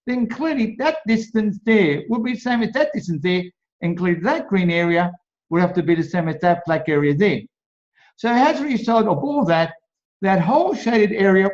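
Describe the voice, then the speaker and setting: An Australian man tutoring maths as he works through an exam solution, talking slowly and often repeating and restarting his phrases. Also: sits high, darkish tone. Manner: slow, repetitive, stops and restarts often. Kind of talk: worked exam solution walkthrough. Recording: dull lo-fi voice-over.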